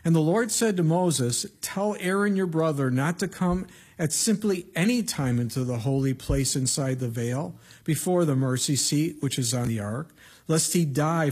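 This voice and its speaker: Husky pastor teaching at a pulpit microphone. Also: male voice, a little high, expressive, moderate pace, a little mellow. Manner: conversational, plain-spoken preaching with emphatic asides. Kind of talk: verse-by-verse Bible teaching sermon.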